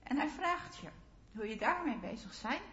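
A woman's voice: on the high side, very animated, moderate pace, fairly bright tone. A woman preacher giving a sermon, speaking earnestly and addressing her listeners directly. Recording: roomy, slightly dull sound.

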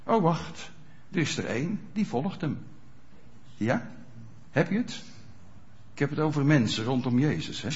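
A male preacher gives a chatty sermon, often stopping to check that listeners follow. His voice is a bit high, with a lively, swinging pitch. The recording sounds muffled and lo-fi. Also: unhurried. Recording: dull lo-fi sound.

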